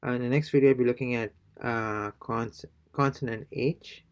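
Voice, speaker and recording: A man's voice: mid-range voice, steady tone, normal speed. A man teaching a casual language lesson, hesitant, with many fillers and restarts. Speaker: Spanish teacher.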